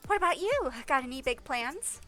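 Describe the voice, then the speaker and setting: A woman voicing a chipper young female office assistant who bosses her boss around with brisk plans. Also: sits high, very animated, pushed and bright, soft background music, heavily acted. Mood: teasing. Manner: bossy, brisk, fast-scheming.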